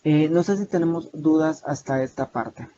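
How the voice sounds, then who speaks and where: A young man with a Salvadoran Spanish accent explains a lesson over a video call, his voice pitched a little high and mellow in tone. He talks steadily but fills his pauses with many hesitations and restarts. The call sounds dull and lo-fi, with a faint hiss behind him. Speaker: online tutor. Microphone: video call mic.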